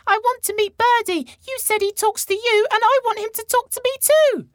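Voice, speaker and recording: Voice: very high-pitched, steady tone, moderate pace, dry recording, studio quality, voice pushed up. A storyteller voicing a pushy little girl who pleads in a whiny sing-song voice. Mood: pleading.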